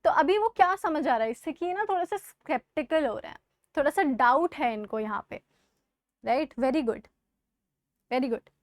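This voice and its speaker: A woman's voice: high-pitched, expressive, normal speed, dry recording, clean studio sound. A woman with an Indian accent teaching an online exam-prep lesson. She switches between Hindi and English, quizzes her students and repeats the key words.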